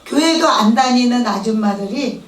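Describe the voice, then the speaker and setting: A middle-aged woman giving a church testimony, telling her story in a lively way and acting out the voices of the people she quotes. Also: on the high side, normal speed, a little hiss or hum. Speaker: testimony speaker. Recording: echoey hall, mic at a distance.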